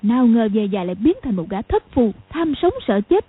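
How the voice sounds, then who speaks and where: A woman's voice: on the high side, sing-song, normal speed, breathy edge, no room sound. A woman voicing a bitter, vengeful crippled old woman with a harsh, scolding manner, for an audiobook. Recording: tinny lo-fi audio.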